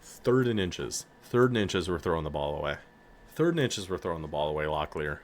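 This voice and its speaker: A man with a northern American accent giving casual, excitable commentary on his football video game, hyping up his players and laughing often. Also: extremely low pitch, fairly quick, slight background noise. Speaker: gaming YouTuber.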